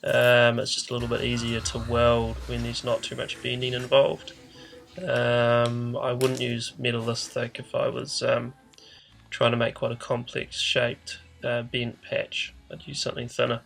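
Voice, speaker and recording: Nasal, congested man with flat, creaky delivery. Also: mid-range voice, a little slow, faint music behind. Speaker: DIY car repair presenter. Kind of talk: informal instructional voice-over. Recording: noticeable background noise.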